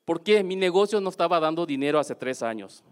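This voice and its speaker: A man with a Mexican accent giving a lively motivational testimonial at a business seminar, often checking in with the audience through quick questions. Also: fairly high pitch, clear, resonant tone. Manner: keeps asking the audience questions, animated.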